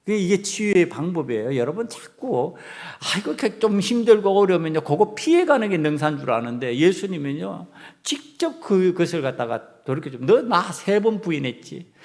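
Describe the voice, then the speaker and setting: A man's voice: sits high, sing-song, a little fast, hardly any pauses, a little mellow. A male pastor preaching a sermon to his congregation, emphatic, putting rhetorical questions to them. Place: church sanctuary. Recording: long reverb of a church hall.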